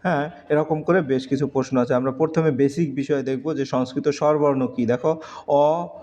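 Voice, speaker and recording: A male teacher walking students through an exam-prep lesson, slowly reciting letters and numbers one by one. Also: medium pitch, steady tone, darkish tone. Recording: dull lo-fi recording.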